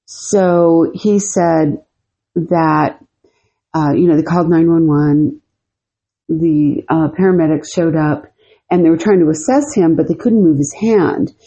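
A woman's voice: low-pitched, unhurried, warm tone, slightly rough. A woman co-hosting a podcast, telling stories in a rambling, casual way with many fillers. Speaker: podcast co-host. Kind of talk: casual storytelling chat.

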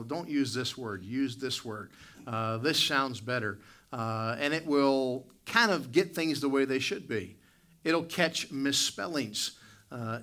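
A man speaks as a pastor in a church service. His voice is bright and forceful at an average male pitch. He is plain-spoken and deliberate, setting out his thoughts in short pieces. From West Virginia, United States. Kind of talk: church sermon with scripture reading and prayer.

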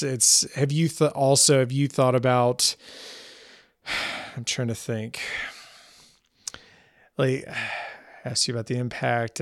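Guy hosting a podcast, slow and hesitant, sighs while hunting for words, smooth voice, dry sound. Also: mid-range voice, no echo. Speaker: podcast host. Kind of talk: casual interview questions.

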